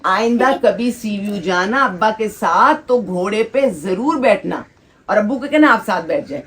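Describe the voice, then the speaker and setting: A woman speaks at an ordinary middle pitch, chatting casually with children at a shelter gathering. She coaxes answers out of them with gentle teasing and keeps calling for applause. A faint hiss sits under her voice. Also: expressive, measured pace. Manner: coaxing, teasing, leads applause. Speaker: host of a children's shelter event.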